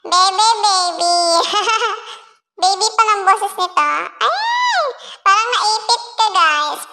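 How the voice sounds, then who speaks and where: A woman's voice: very animated, slow pace, bright, forceful tone, exaggerated voice. A woman using a voice-changer effect to sound like a baby, playful and laughing. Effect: voice-changer pitch-up effect. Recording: echoey reverb.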